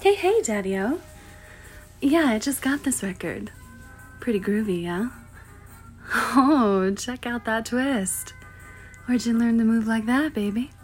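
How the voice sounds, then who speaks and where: A woman in an intimate audio roleplay, talking in a flirty, playful way with retro slang, often dropping to breathy whispers and giggling. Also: fairly high pitch, animated, slow pace, long pauses, faint music behind.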